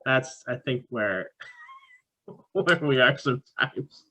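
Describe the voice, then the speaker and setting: Bright, husky male pastor, dull audio. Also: medium pitch, slow pace. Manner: dry, joking, laughs at own lines. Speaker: pastor, co-host. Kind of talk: casual chat and scripture reading.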